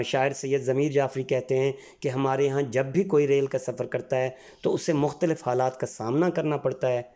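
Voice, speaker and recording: A man's voice: fairly high pitch, warm tone. A man from Pakistan, teaching a textbook exercise patiently and spelling words out letter by letter. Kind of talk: Urdu textbook exercise lesson.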